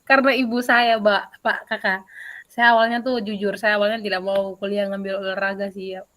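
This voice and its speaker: A woman PE teacher answering interview questions over a video call, telling a story in an animated way with many fillers. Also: medium pitch, fairly quick, slight background noise.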